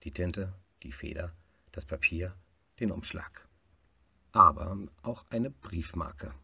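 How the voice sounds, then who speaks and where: Male picture-book reader, low, expressive, slightly husky. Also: slow, no room sound. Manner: lively, expressive reading, swelling louder in happy parts. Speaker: storyteller. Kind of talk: reading a picture book aloud.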